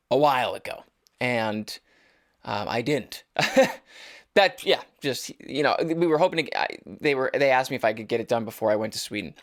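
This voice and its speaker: A man's voice: mid-range voice, a bit bright. Young adult male, solo podcast host, casual rambling delivery with self-interrupting restarts. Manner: rambling, restarts often, joking asides.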